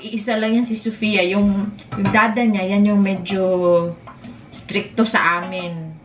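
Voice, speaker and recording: A woman in her thirties with a Filipino accent, chatting casually to viewers while cooking at home and breaking off to hush her toddler. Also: medium pitch, flat delivery, a little slow, a little hiss or hum. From Philippines. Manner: switches between chatting to viewers and scolding a toddler. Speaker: vlogger and mother. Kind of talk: casual cooking vlog chat. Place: home kitchen. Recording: echoey room from a distance.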